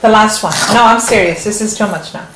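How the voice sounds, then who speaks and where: A woman's voice: mid-range voice, a little fast. A woman chatting casually with children as she hosts a food challenge, asking questions in a teasing way. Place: indoor room at home, off camera. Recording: roomy echo, faint background noise.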